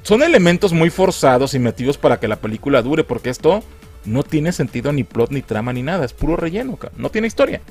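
A man's voice: on the high side, fast, faint music behind. A young Mexican man recapping and mocking a film in casual, crude slang. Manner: crude, mocking slang, lively put-on character voices. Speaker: film reviewer.

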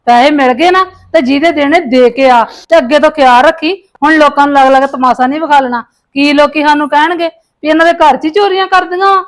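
A woman's voice: high voice, fairly even intonation, quick pace, few pauses, natural voice. A woman playing a stern mother-in-law who scolds and gives orders. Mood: scolding. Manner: scolding, commanding.

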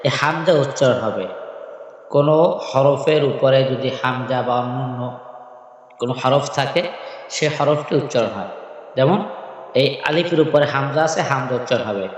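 A man teaching a religious recitation syllable by syllable, spelling each sound slowly and repeating every step. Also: mid-range voice, highs cut off. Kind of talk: slow spelled-out recitation lesson. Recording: echoey hall with long reverb.

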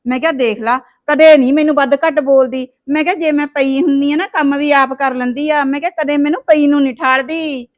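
A woman's voice: sits high, steady tone, fairly quick, few pauses, muffled recording, lightly acted. A woman, playing a scheming daughter-in-law who scolds and wheedles in a village family drama. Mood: wheedling. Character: sharp-tongued scheming young daughter-in-law.

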